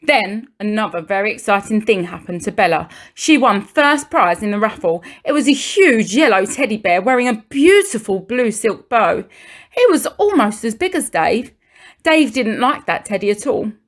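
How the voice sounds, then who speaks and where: Reading a children's storybook aloud much as a primary teacher would, a woman uses a mid-range voice with big pitch swings. She's expressive, with deliberate pauses and emphasis for young listeners.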